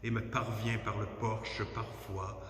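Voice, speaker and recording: A poetry reader with a fairly low male voice declaims verse solemnly inside a church at night. He keeps his phrasing measured and his intonation fairly even, and the space adds strong echo with a long reverberant tail.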